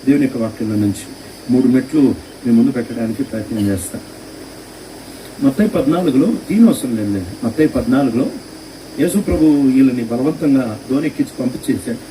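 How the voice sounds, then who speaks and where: A man preaching a sermon at a meeting, telling stories with lively rhetorical questions. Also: mid-range voice, a little fast, long pauses, far from the mic, slight background noise, poor audio. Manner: animated storytelling with rhetorical questions. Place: meeting hall.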